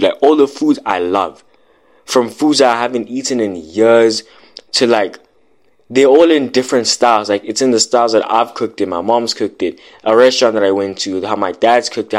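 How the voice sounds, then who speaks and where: A young man vlogging, telling a story in casual street slang and rambling with a constant "like" between phrases. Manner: rambling, fills every pause with "like"; grows louder and higher as the story builds.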